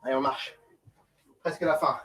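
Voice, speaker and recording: A man running a group workout calls out brief, commanding, encouraging directions in a mid-range, fairly bright voice, keeping a steady tone at normal speed. His mic is far off, picking up a noisy background and clicks.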